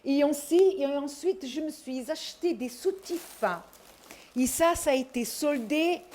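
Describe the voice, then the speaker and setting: A middle-aged woman chatting casually at home as she shows off a shopping haul, hesitating often with drawn-out fillers. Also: high-pitched, darkish tone, slight background noise. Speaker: vlogger showing her shopping haul.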